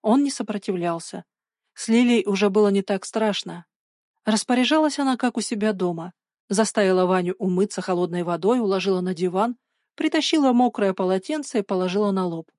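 A woman narrating an audiobook of a spooky children's story in a measured, suspenseful way. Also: mid-range voice, a little mellow, no echo, studio quality.

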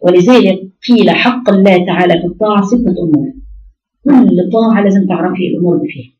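A woman's voice: mid-range voice, quick pace, warm tone. A woman with an Egyptian accent giving a religious lesson to women, asking rhetorical questions and counting out her points. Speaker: religious teacher. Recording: roomy, distant, dull lo-fi recording.

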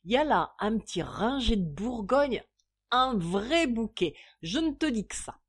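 A woman's voice: fairly high pitch, big pitch swings, measured pace, husky, pitched above the performer's own voice, full character voice. A woman voicing a rowdy, slang-spouting drunken working-class man in a storybook reading. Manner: boisterous, slangy, hiccuping.

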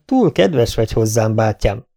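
Egy férfi, aki egy gúnyos, kegyetlen fiatal herceget szólaltat meg, nevetős megvetéssel. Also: male voice, fairly low pitch, very animated, creaky, warm tone. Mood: mocking. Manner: sneering, laughing scorn. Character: cocky cruel young prince, mocking.

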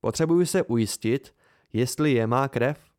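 Reader doing a grim young man, low warning tone, mid pitch, dry storybook sound. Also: darkish tone, smooth, dry recording, natural voice. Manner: grim, low and warning, angry when pushed. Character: grim young man, a magic student under threat.

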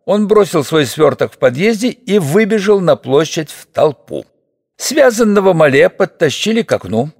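A man narrating a popular history audiobook in an expressive, dramatic storytelling manner, recorded in a studio. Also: fairly high pitch, normal speed, no echo.

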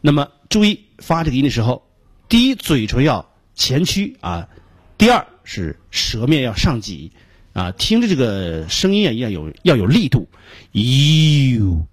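A middle-aged man with a Beijing Mandarin accent gives a radio pronunciation lesson, explaining slowly and repeating each sound he demonstrates. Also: medium pitch, wildly swooping pitch, breathy edge, no echo. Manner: frequent filler particles between phrases. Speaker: English pronunciation teacher.

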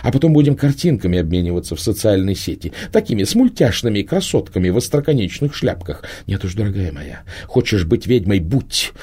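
A man's voice: lowish voice, very animated, a little fast, few pauses, dark tone, husky. A man voicing a cold, commanding woman who leads a witch coven, speaking sharply and sarcastically. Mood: scornful.

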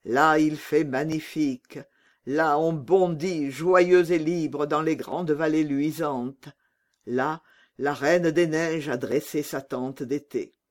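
A woman voicing a wistful reindeer homesick for the snow in a children's storybook reading, slow and dreamy. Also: low-pitched, steady tone.

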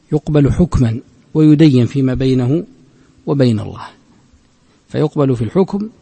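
A man giving a classical Islamic law lesson, explaining a text slowly and repeating his points. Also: fairly high pitch, mellow, slightly rough, big-room sound. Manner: slow, measured explanation with frequent repetition of points. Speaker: religious scholar teaching a text.

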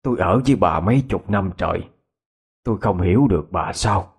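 Man doing older rural father, low husky voice, hesitant, coaxing, stammering. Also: expressive, fairly quick, full character voice. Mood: reproachful. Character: older countryside father, gentle and worried.

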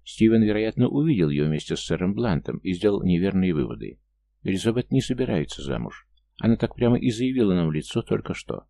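Audiobook: gentle, apologetic noble mother, read by a man, mellow and low. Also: very animated, brisk, creaky, heavily acted. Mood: coaxing, apologetic. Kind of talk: audiobook character reading.

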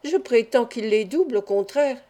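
Woman reader as measured, serious male doctor, mellow tone, a bit high. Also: animated, natural voice. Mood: confident. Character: kind, serious, wealthy middle-aged male doctor.

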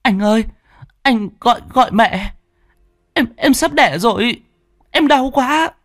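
A man's voice: very high-pitched, expressive, slow pace, a bit bright, dry recording, clean studio sound, voice pushed up, exaggerated voice. A man voicing a young pregnant wife crying out in pain and panic. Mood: panicked. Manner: pleading, panicked.

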